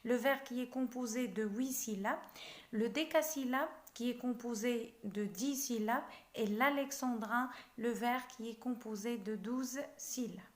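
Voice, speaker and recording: A young woman teaching a French lesson, explaining step by step and sounding out verse syllable by syllable. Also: on the high side. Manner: slow, syllable-by-syllable scansion of verse.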